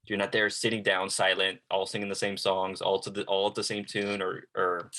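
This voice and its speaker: Man guest, lowish but bright, forceful tone, slangy and full of fillers. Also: little pitch movement, a little fast. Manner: loose, slangy, hedging with many fillers. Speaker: former church member, podcast guest. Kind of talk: casual podcast chat.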